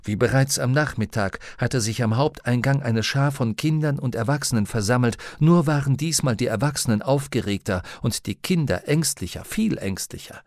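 A man's voice: medium pitch, moderate pace, few pauses, darkish tone, no echo. Male audiobook narrator, dry sound. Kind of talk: scripted narration.

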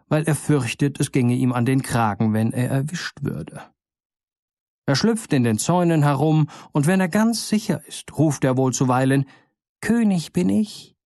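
Male storyteller, mid-pitched, dry close sound, fairy tale reading. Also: no echo. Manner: measured, expressive storybook narration. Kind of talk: fairy tale read aloud.

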